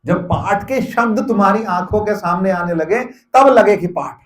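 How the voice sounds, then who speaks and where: A middle-aged man with a high voice delivers a devotional sermon to a gathered congregation. He keeps putting questions to his listeners and answering them himself, repeating key phrases for weight. The room is noticeably reverberant. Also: expressive, a little slow. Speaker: spiritual teacher. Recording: echoey room.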